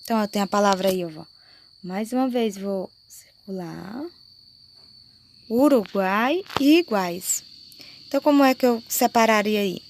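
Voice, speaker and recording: A Brazilian woman teacher giving a slow, explanatory lesson to fourth graders and checking often that the class follows. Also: mid-range voice, slight background noise. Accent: Brazilian Portuguese.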